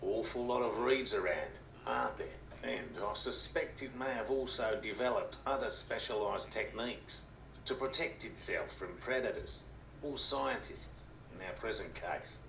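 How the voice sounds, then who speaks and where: A man's voice: fairly low pitch, lively intonation, normal speed, fairly bright tone. An actor playing a middle-aged male cryptozoologist who talks in a dry, lecturing, slightly sarcastic way. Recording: roomy distant game audio with hiss.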